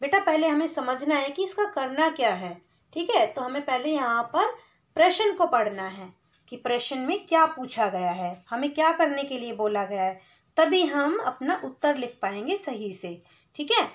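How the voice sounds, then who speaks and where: A woman teaching small children to read, patiently explaining step by step and sounding out syllables slowly and clearly. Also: high voice, big pitch swings. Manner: addresses listener as "beta", checks in with "theek hai" often. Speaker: Hindi teacher for young children. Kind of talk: slow patient classroom explanation.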